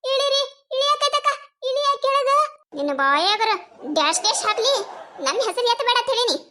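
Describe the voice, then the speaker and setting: Voicing a loud, quarrelsome village wife in a cartoon comedy, a woman with a North Karnataka Kannada accent scolds, mocks, and wails. Her voice is very high and exaggerated, with lively intonation and a brisk pace, over slight background noise.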